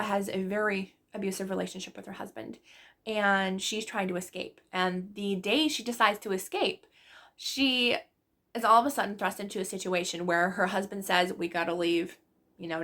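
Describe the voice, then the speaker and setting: A woman book vlogger talks through her favorite reads in a loose, gushing way, with lots of "like" and "literally" along the way. Her voice sits at an ordinary middle pitch and has a noticeable gravelly fry. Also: a bit bright. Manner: chatty and gushing, with frequent fillers like "like" and "literally". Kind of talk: casual book review chat.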